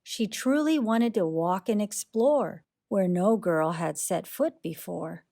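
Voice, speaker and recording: A woman with a creaky, medium-pitched voice reads from a rhyming children's picture book, her storytelling deliberate and expressive.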